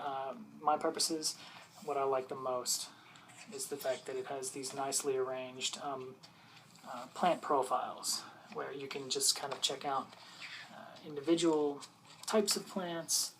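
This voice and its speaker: A person doing an ASMR role-play as a patient, bookish librarian, softly and hesitantly explaining books to a visitor in a unhurried library soft voice. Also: medium pitch, slight background noise, poor audio. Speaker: librarian showing gardening books.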